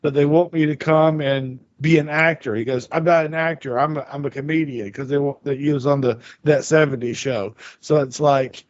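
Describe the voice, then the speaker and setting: A man in his forties chats casually, his voice sitting a little high for a man. He rambles through anecdotes, stumbling over restarts and stammers. The recording sounds dry and dull, with no room at all. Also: fairly even intonation, moderate pace, hardly any pauses, dry recording. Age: 40s. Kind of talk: casual chat.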